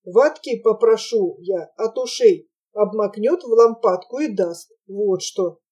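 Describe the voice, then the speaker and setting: A woman voicing a sickly little male hotel corridor attendant with a creaky, nasal voice and a slow, drawn-out manner. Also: medium pitch, dark tone. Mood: nagging.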